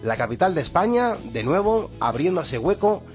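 Congested, duck-voiced Spanish radio man, higher-pitched. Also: very animated, normal speed, over music. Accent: Castilian Spanish. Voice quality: congested, hollow duck-like voice from a cold. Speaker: radio morning show host. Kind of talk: upbeat radio presenting.

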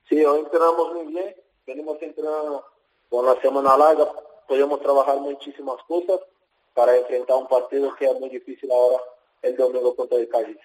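Footballer on a distant speakerphone. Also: male voice, medium pitch, steady tone, darkish tone. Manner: halting, many fillers and restarts. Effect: heard over a speakerphone line, distant and faint. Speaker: football player interviewed by phone. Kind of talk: casual radio interview answers.

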